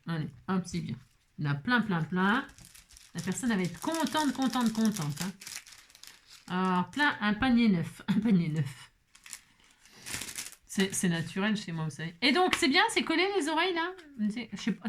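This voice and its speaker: With slight background noise behind her mid-range voice, a woman hosts a laid-back crafting tutorial on her channel. She pokes fun at herself, jokes and laughs a lot, repeats words, and speaks straight to her viewers.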